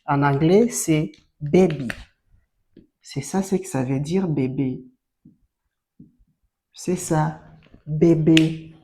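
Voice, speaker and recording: A French teacher with a medium-pitched, darkish voice gives a lesson on reading syllables. She or he sounds them out one at a time, drills learners by having them repeat, and asks them frequent questions.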